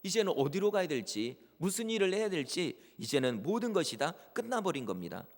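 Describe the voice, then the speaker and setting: Male pastor, lively rising and falling pitch, earnest sermon, long church reverb. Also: a little fast. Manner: earnest preaching, voices quoted prayers with rising intensity. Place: church sanctuary.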